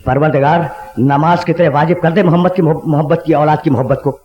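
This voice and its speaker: A man, a religious scholar, delivering a Muharram sermon to a large outdoor gathering, asking the crowd rhetorical questions and rising to impassioned shouts. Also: fairly high pitch, fairly even intonation. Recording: echoey, dull lo-fi 1990s tape of loudspeakers.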